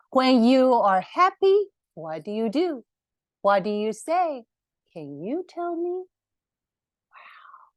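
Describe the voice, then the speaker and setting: A woman's voice: on the high side, a little mellow, dry recording, studio quality. A woman, the book's author, reading her picture book aloud to children at storytime, encouraging and asking them questions.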